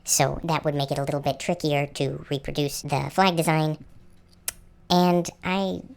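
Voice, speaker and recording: A man presenting a casual, explanatory slideshow narration, his voice electronically pitched up like a helium chipmunk. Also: steady tone, unhurried, creaky. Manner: conversational, explanatory. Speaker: channel host presenter.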